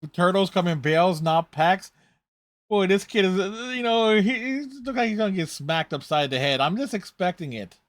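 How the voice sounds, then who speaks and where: A man's voice: high-pitched, expressive, moderate pace, no room sound, clean studio sound. A man hosting a reaction video, giving casual, rambling, conversational running commentary on a TV show.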